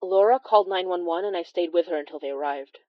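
A woman narrates a horror audio drama as a wry, perceptive immigrant healer, confiding and measured, pausing for drama. She speaks in a lowish, natural voice over dull audio without room sound. The atmosphere is grave and tense.

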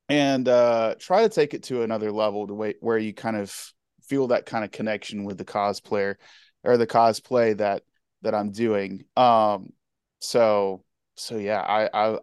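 Young man, casual interview guest, halting easygoing talk, dry close sound. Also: fairly low pitch, smooth, dry recording. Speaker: guest Twitch streamer and cosplayer.

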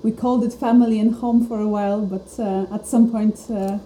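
On a casual podcast, a Polish woman who co-founded a startup talks as a guest, reflective and earnest. Her voice is medium-pitched and dark-toned, with fairly even intonation and a brisk pace. The room sounds spacious, with faint background noise.

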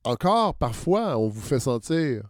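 Lively man hosting a podcast. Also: medium pitch, no echo, studio quality. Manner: chatty, agreeable, backs the guest with quick yeses. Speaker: podcast host. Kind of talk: conversational interview.

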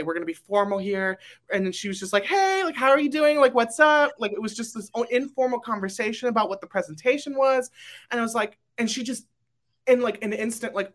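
A woman's voice: medium pitch, fairly bright tone. A young woman, a graduating student council member, talking casually on a podcast, emotional and rambling with fillers and restarts.

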